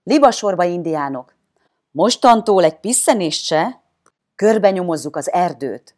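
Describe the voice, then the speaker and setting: A woman's voice: low-pitched, sing-song, a little mellow. A woman voicing a resourceful young boy who leads his friends and gives them orders in a storybook tale. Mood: commanding. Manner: bossy, commanding when giving orders.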